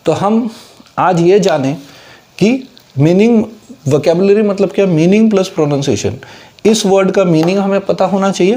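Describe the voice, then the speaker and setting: A man's voice: on the high side, dark tone. A man giving a casual whiteboard lesson on English words, explaining steadily and mixing English terms into Hindi, with an Indian English accent. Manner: explanatory, mixes English into Hindi, asks for understanding. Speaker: English teacher.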